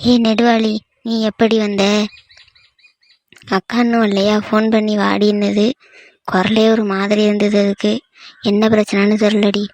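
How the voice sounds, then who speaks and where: A woman's voice: medium pitch, level tone, normal speed, long pauses, a little mellow, no room sound, lightly acted. A woman voicing a brash, scolding village friend in a cartoon.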